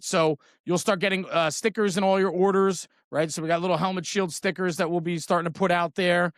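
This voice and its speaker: This high-pitched, fairly bright voice comes from a middle-aged guest who founded a trading card brand. He's informal and enthusiastic in a show-and-tell chat, full of slang and often asking whether others agree. The recording is dry and studio quality.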